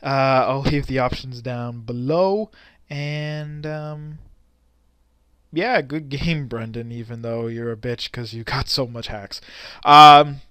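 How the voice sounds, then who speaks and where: Into a close desk mic, a young male gaming commentator rambles casually over a game replay, frustrated and swearing a lot. His medium-pitched voice is slow, bright, forceful and clean, recorded dry.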